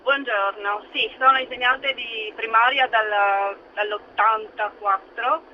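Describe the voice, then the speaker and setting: A woman's voice: a little high, fairly even intonation, slow pace, a little hiss or hum. Woman on a car speakerphone. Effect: on speakerphone over a phone line. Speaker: caller, primary school teacher. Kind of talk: call-in to a radio talk show. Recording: muffled distant speakerphone call.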